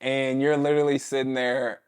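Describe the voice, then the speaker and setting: A man in his thirties, a former pro football player, telling stories in a casual interview and sometimes mimicking his coach's shouts. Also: mid-range voice, level tone, moderate pace, smooth.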